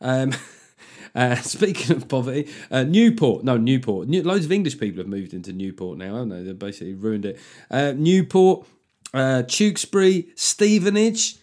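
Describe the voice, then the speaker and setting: Male comedian host, mid-pitched voice, casual and sardonic, swears freely. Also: big pitch swings, normal speed, darkish tone. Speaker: podcast host and touring stand-up comedian. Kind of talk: casual chat.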